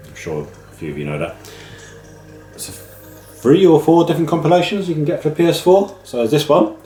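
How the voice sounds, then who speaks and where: A man's voice: fairly high pitch, big pitch swings, brisk, warm tone. A middle-aged British man with a slightly nasal, bunged-up voice from man flu, chatting casually and ramblingly as the host of a video channel. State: man flu, a head cold. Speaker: host of a video game pick-ups channel. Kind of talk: casual chat to camera. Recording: roomy echo, music underneath. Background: music.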